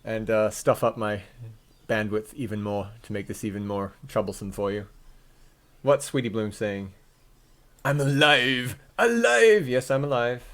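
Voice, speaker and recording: A man hosting a live stream, chatting in a rambling, self-mocking way and thinking out loud while he works on his computer. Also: on the low side, steady tone, moderate pace.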